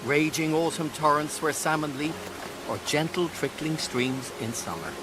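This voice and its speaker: A male narrator with a slightly high voice reads a scripted nature guide. Music plays clearly behind him. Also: normal speed, low-quality recording.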